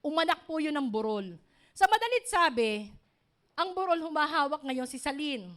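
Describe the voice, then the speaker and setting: A middle-aged woman pastor, preaching an animated sermon built on personal stories. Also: high-pitched, normal speed.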